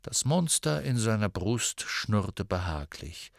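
A man narrating a novel in expressive storytelling style. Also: lowish voice, slow, gravelly, no echo, clean studio sound. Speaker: audiobook narrator. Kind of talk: scripted narration.

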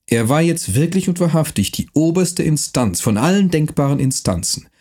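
A man narrating a historical novel in a measured storytelling manner. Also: medium pitch, a little mellow, breathy edge. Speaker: audiobook narrator.

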